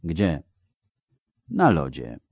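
A man voicing a young woman warrior who answers flatly and without emotion. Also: rumbling low, drawn-out words, creaky, breathy edge, dry recording, full character voice. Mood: detached. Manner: flat, emotionless delivery.

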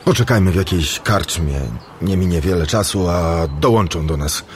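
An actor playing a calm, wise male elf who speaks in a measured way. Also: deep voice, slight background noise, natural voice.

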